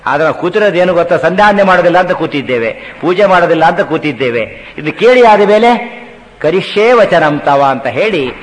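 A man giving a religious discourse, telling scripture stories with humor and chanting verses slowly. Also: on the high side, lively intonation. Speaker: religious speaker. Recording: hall with long reverb.

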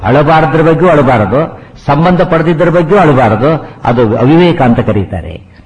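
A man delivering a religious discourse on scripture. He intones verses slowly and deliberately. Then he breaks them down in an easy, conversational way, with rhetorical questions and homely examples. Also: a little high, animated, poor audio. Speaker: religious speaker.

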